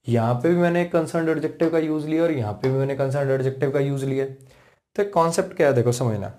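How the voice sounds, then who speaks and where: A man with an Indian accent and a slightly high, dark-toned voice teaches an English grammar lesson in a classroom. He explains patiently, repeats himself, checks that students follow, and slows right down to spell out example sentences.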